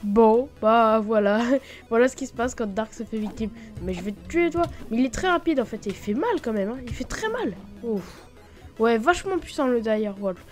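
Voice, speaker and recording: A woman with a fairly high voice gives a chatty, excitable gaming commentary. She breaks into sudden exclamations and scatters fillers through her talk. Soft music plays in the background. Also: moderate pace. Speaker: gaming YouTuber. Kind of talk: Minecraft mod showcase commentary.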